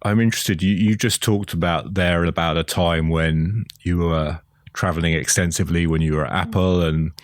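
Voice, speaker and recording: A man hosts an interview, asking long and measured questions. His voice is very deep, and he sometimes gropes for words with "you know" and "um". The recording is close and dry. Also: fairly even intonation, no echo. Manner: measured, searching for words with fillers. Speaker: host.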